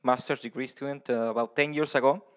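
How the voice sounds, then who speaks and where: Thirties man from Venezuela, conference speaker with handheld mic, casual delivery full of ums, mid-pitched voice. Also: fairly even intonation, fast talker. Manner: conversational with frequent ums and restarts. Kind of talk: conference talk. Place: large dark conference hall.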